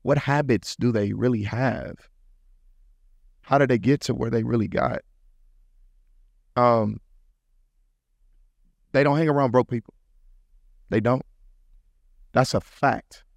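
A podcast host gives a casual motivational talk in a gravelly, medium-pitched voice, speaking slowly with frequent pauses and no echo. His phrasing is slangy and preachy, he keeps repeating his points, and now and then he acts out quotes.

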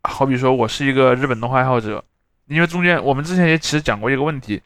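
A podcast host talks quickly and conversationally, unfolding his explanations in long, discursive runs and checking for agreement as he goes. His voice is medium in pitch, fairly bright, clear and resonant. The recording is dry, with no echo.

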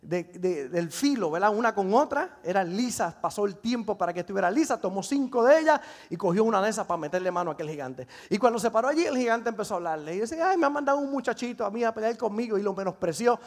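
A man, a pastor preaching an animated, humorous sermon. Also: high voice, quick pace, few pauses.

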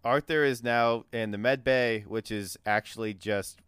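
Male game master: informal, amused, halting improviser with a clean voice and dry recording. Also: mid-range voice, fairly even intonation, fairly bright tone, clear, resonant tone, no room sound. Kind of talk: improvised tabletop game narration.

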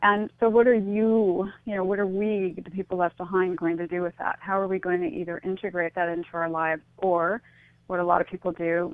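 A middle-aged woman, a guest on a radio show, explains her thoughts earnestly and reflectively, often saying "you know." Her voice is lowish, coming over a thin, phone-like call line with a dry sound.

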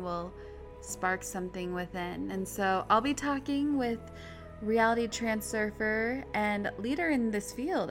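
American woman hosting a podcast over music. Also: mid-range voice. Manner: giggly, self-deprecating asides. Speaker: podcast host. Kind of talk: casual, chatty scripted-free podcast introduction.

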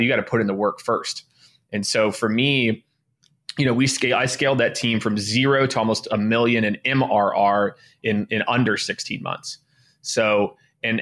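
In a casual, cheerful interview, a late-thirties sales leader speaks in a lowish, slightly bright voice. He peppers his talk with "you know" and keeps starting his sentences over.

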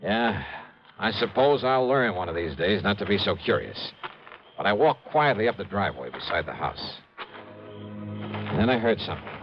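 Low-voiced hard-boiled private eye. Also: male voice, big pitch swings, normal speed. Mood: suspenseful. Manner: tense, clipped storytelling with wry asides. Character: hard-boiled, wry male private investigator. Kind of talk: 1950s radio detective drama narration. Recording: dull vintage radio broadcast with music.

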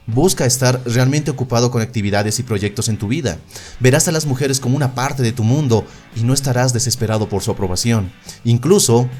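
A man delivering a scripted advice monologue as a dating coach, walking through numbered points and speaking straight to the listener. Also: mid-range voice. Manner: instructive, numbered points, direct address. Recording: faint guitar music behind. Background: soft guitar music.

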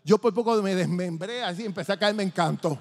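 High-voiced man giving church testimony. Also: fairly quick. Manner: animated storytelling with quoted dialogue. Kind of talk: testimony preaching. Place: church sanctuary. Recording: long church reverb.

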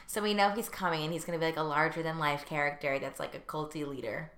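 A chatty woman co-hosting a casual talk show. She rambles in quick bursts packed with fillers, and her voice is bright and sits a little low. She sounds loose and conversational throughout. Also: steady tone. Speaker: podcast co-host. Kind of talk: casual chat.

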